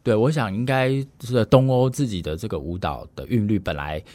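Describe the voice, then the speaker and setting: A man, a music scholar explaining in a measured, lecturing way with frequent fillers. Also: on the low side, darkish tone, no room sound. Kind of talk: explanatory podcast conversation.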